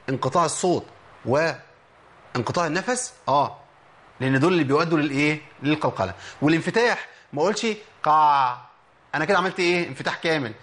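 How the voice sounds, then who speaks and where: A man's voice: a little high, fairly bright tone. A man with an Egyptian Arabic accent teaching a Quran recitation lesson, asking questions and answering them himself while demonstrating the sounds. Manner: explains by demonstrating sounds, asks and answers his own questions. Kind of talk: tajweed lesson.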